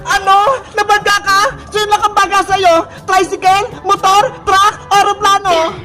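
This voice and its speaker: A voice actor playing a stern, quick-tempered mother who scolds children in a cartoon. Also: very high voice, flat delivery. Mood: worried. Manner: scolding, sharp and reproachful. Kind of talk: cartoon voice acting. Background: cartoon background music.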